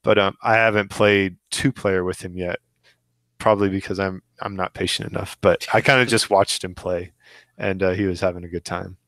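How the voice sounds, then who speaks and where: Podcast co-host, man, thirties, smooth low voice, casual and halting, dry close mic. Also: no room sound. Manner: hesitant, many restarts and fillers, relaxed. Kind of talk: casual gaming chat.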